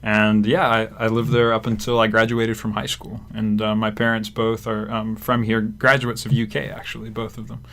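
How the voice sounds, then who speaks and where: A man's voice: on the low side, moderate pace, few pauses. A young man raised in Africa, a graduate student talking through a casual studio interview with lots of fillers. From Zimbabwe and Kenya. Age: young adult. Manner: relaxed, rambling with fillers. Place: radio studio.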